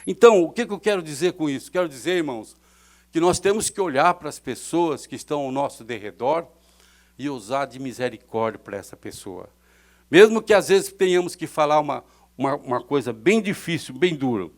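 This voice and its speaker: A middle-aged man with a Brazilian accent, a pastor preaching a fervent sermon in church, swelling loud and dropping soft. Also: fairly high pitch, animated, fairly quick. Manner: fervent preaching with sudden swells and drops in loudness.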